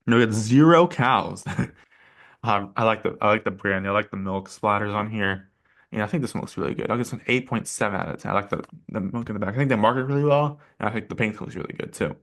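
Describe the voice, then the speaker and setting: A man's voice: on the low side, fairly even intonation, quick pace, a bit bright. Rambling man giving casual reactions. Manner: rambling, hesitant, many fillers and restarts. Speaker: channel host rating paint schemes.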